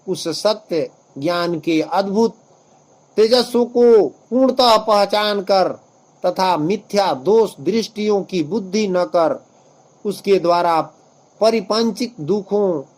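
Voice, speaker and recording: A man expounds sacred verses in a devotional commentary. He speaks slowly and deliberately in a fairly high voice. Now and then he draws the verses out into a chant. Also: a little mellow, rough recording. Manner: slow, measured explanation, drawn-out chanting of couplets. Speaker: religious scripture expounder.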